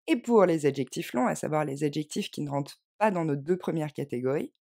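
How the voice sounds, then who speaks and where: Gravelly-voiced woman teaching grammar. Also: sits low, animated, a little mellow. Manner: clear, patient, spells out letters slowly. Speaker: English teacher. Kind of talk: French grammar lesson.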